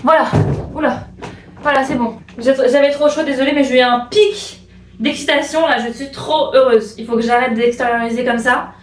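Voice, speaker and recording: A young woman from France talks straight to her camera in a bubbly, gushing way, circling back to the same excited points. Her voice sits a little high. The room around her rings with noticeable echo, and faint hiss lies underneath. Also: normal speed. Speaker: vlogger. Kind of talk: casual vlog chat. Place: room at home.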